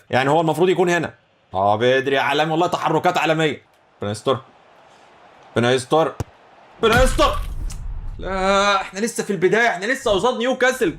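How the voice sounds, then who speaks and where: A young man with an Egyptian accent commentating his football video game, excitable and exclamatory as he reacts to plays. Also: high voice, slight background noise. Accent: Egyptian Arabic. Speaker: gaming channel host.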